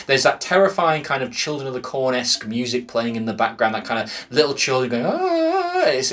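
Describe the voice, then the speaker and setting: A man casually recommending a film, retelling scenes with enthusiasm and dropping in quick acted quotes. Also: mid-range voice, a bit bright. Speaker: film reviewer.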